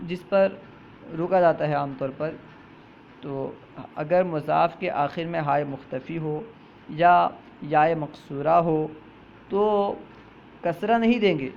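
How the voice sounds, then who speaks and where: A man teaching a grammar lesson, who reads each example slowly, repeats it and then explains it. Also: fairly high pitch, gravelly, muffled recording, a little hiss or hum.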